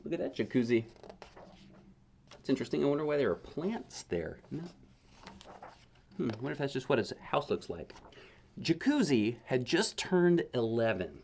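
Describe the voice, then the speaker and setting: A man with a medium-pitched, creaky, slightly mellow voice reads a children's picture book aloud the way a parent would, in a sing-song lilt at normal speed. He pauses often, chats casually, and throws questions to the listener. Slight background noise can be heard.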